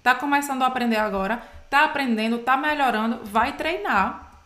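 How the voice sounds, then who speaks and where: A woman's voice: high-pitched, moderate pace, bright, forceful tone, echoey room. A woman teaching French in a patient, explaining way, often checking in with her listeners. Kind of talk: explaining French lesson in Portuguese.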